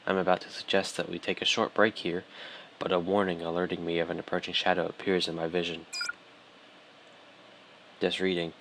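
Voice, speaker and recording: A man's voice: low voice, flat delivery, brisk, long pauses, fairly bright tone, a little hiss or hum. A man hosting a let's play, reading the game text aloud in an offhand, dry way, stumbling over lines, with game music behind.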